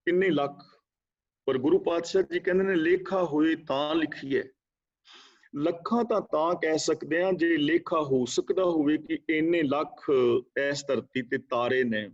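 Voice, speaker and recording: A man teaching scripture in a measured, explaining way, with a voice pitched a little above most men's. He slows down to list terms one at a time. The audio is dull and lo-fi, like sound from an online video call. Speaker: religious teacher giving scripture commentary.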